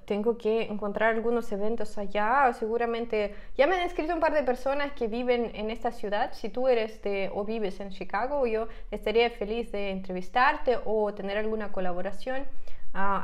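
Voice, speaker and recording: A young Russian woman, a native Russian speaker, in a casual home vlog. Her voice sits a little high as she reads from a laptop and thinks aloud, with plenty of fillers and restarts. She speaks into a clip-on mic in a room at home. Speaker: vlogger. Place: home room with a piano, indoors. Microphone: clip-on lapel mic.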